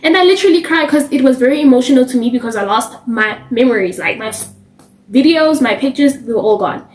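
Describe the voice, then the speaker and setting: A young woman from South Africa tells a story in a casual vlog, her voice pitched high, and she plays out the quoted lines with lively jumps in pitch. The room sounds echoey, with soft music running underneath. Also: fast talker. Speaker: vlogger. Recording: roomy with faint music behind.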